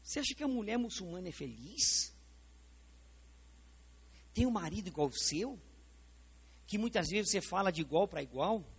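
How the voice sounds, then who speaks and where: Husky, animated Brazilian pastor. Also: male voice, sits high, normal speed, long pauses. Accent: Brazilian Portuguese. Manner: animated, questions the congregation directly. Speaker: pastor preaching. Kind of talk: sermon with live demonstration. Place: church sanctuary.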